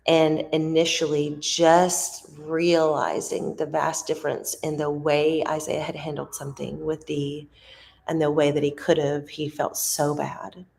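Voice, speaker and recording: Woman, vlogger mom, low voice, unhurried, rambling and heartfelt, casual vacation vlog. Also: little pitch movement, vocal fry, darkish tone. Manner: rambling, heartfelt, searching for words. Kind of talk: casual reflective vlog talk. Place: at a resort on vacation.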